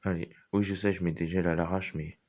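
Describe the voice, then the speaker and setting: A man's voice: low-pitched, flat delivery, a little fast, darkish tone. A man giving casual, informal live commentary on a game as he plays, thinking aloud. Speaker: gaming video host.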